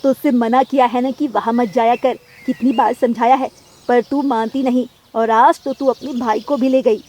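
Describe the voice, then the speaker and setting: A woman voicing a strict mother sparrow in a cartoon, scolding loudly. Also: high-pitched, a little slow, slight background noise. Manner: scolding, harsh.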